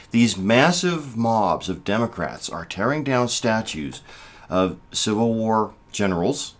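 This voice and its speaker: A man in his fifties speaks in a fairly low voice, giving political commentary straight to camera. He talks in a measured, halting way, restarting phrases and leaning hard on key words. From United States. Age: 50s. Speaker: political vlogger. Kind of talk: casual spoken commentary.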